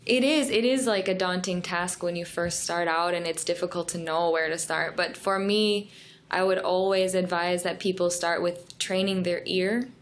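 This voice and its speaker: Podcast guest: woman, slightly low voice, friendly explainer who laughs easily. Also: fairly even intonation, normal speed, slight background noise. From United States. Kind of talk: casual podcast interview.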